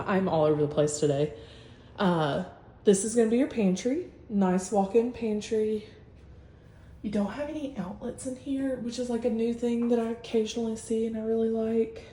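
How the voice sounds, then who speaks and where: The empty new-built house echoes with long reverb and a faint hum as a real estate agent gives a casual, chatty walkthrough room by room. Her mid-range voice has a dark tone, and she keeps things matter-of-fact.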